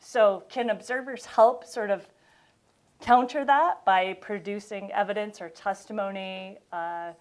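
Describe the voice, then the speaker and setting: Woman expert on a panel, measured answers, many fillers, mid pitch. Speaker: election panelist. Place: conference hall.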